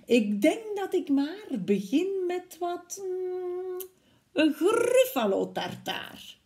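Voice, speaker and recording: A woman's voice: extremely high pitch, extremely slow, voice pushed up, heavily acted. A woman voicing a clever little male mouse who boasts he is the most dangerous animal in the wood, in a storybook reading. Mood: boastful. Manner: boastful, lively.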